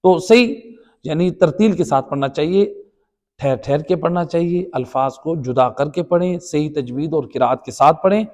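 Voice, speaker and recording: Teaching the Quran in a religious lecture, a man with a Pakistani Urdu accent repeats his points and poses rhetorical questions. His voice is a little high with a darkish tone, and a long hall reverb surrounds it.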